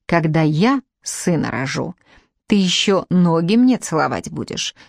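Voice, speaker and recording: A woman's voice: fairly low pitch, no echo. A woman reading the part of a spiteful young second wife in an audiobook, taunting and cutting, in a dry recording.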